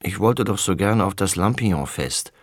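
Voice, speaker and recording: Ein Mann, der in einem Hörbuch ein schüchternes kleines Mädchen spricht, leise und zögernd. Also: male voice, low voice, lively intonation, normal speed, no room sound, clean studio sound. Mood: shy. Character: young girl, shy and tender.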